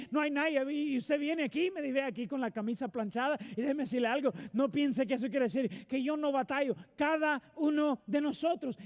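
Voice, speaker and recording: A male pastor preaching a sermon in a church, earnest and direct with his congregation. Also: extremely high pitch. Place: church sanctuary.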